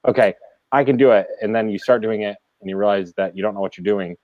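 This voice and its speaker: A man's voice: on the low side, fast, darkish tone, no room sound, muffled recording. A man hosting a casual chat on a video call, steering the talk with interruptions and frequent laughs. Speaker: host.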